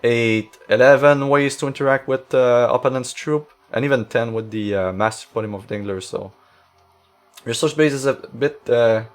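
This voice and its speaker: A man's voice: mid-range voice, moderate pace, faint music behind. French-Canadian man musing over a deck. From Quebec, Canada. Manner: thinking aloud, frequent filler words and restarts. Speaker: streamer. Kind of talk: casual card-game deck commentary.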